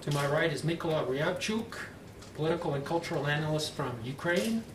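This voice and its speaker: A man with an American accent speaking slowly and clearly as he moderates a public panel discussion. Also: fairly high pitch. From United States. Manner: slow, clearly enunciated, deliberate delivery. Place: conference panel room, indoors. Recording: echoey, noisy room, distant mic.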